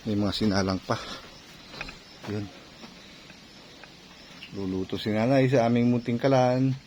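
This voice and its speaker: A man casually narrating to viewers while clearing cassava plants on his farm, often asking them "right?" and sometimes out of breath. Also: mid-range voice, unhurried, background noise. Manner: chatty, talks to viewers while working, often asks "di ba?". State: out of breath at times. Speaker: farm vlogger. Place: outdoors on a farm field.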